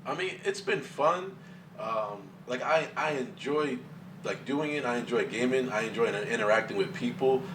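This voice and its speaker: A man's voice: medium pitch, normal speed, a bit bright. A man in casual conversation as a co-host, recorded a little far from the microphone with faint noise behind. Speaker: co-host, game streamer. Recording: distant mic, faint background noise.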